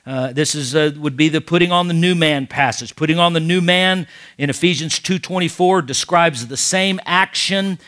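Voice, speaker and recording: Animated man lecturing pastors. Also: on the high side, normal speed. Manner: animated, emphatic, with restarts. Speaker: preaching instructor.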